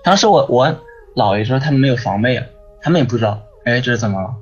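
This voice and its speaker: A man with a husky, breathy voice tells a long personal story, circling back and repeating himself. The sound is dull and lo-fi, with faint music underneath. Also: medium pitch, animated, fast. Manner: rambling, repeats words, frequent "你知道吗". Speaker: guest. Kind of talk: casual storytelling on a ghost-story podcast.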